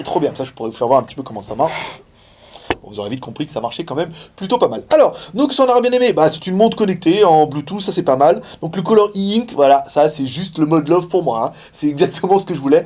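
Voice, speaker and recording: A man's voice: fairly high pitch, a little mellow. A man giving a casual, chatty hands-on demo of a gadget, with many fillers and laughs. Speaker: tech reviewer. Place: indoors, filming in China.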